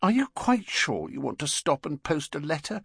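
A man's voice: on the high side, big pitch swings, normal speed, creaky, fairly bright tone, slightly rough, no room sound, studio quality, pitched above the performer's own voice, full character voice. A man voicing a worried, fussy middle-aged wife in an audiobook. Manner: worried, fussing.

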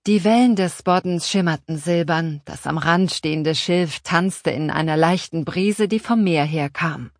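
A woman reads an audiobook in a calm, measured and expressive way. Her voice sits fairly low. The close studio recording is completely dry. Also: no echo. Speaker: audiobook narrator. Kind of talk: scripted narration.

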